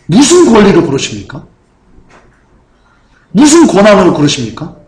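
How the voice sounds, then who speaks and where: A male pastor delivers a fervent sermon in a high voice. He swings widely in pitch and keeps firing questions at the congregation. The sound carries through an echoey church hall. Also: wildly swooping pitch, moderate pace, darkish tone.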